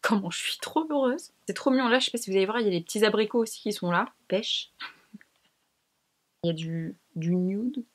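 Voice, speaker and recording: Speaking briskly in a mid-range voice, a young woman who does beauty vlogs tests makeup on camera. She keeps it relaxed, full of slang and jokes at her own expense, all recorded on the camera's microphone.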